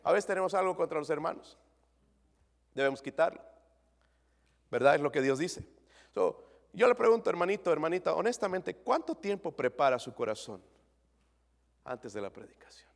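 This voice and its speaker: High-voiced gravelly preacher in a hall. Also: male voice, big pitch swings, normal speed, long pauses. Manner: swings from loud pleading to quiet confiding; jokes and asks the congregation questions. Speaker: pastor. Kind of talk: sermon.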